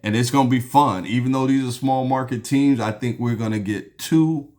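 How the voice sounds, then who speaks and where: A man's voice: medium pitch, normal speed. A man hosting a basketball talk show, chatting casually and loosely, with lots of ums and restarts, sipping a beer as he goes. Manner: relaxed, rambling, with frequent ums and restarts; sipping a beer while talking. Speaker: basketball podcast host. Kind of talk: casual solo sports talk.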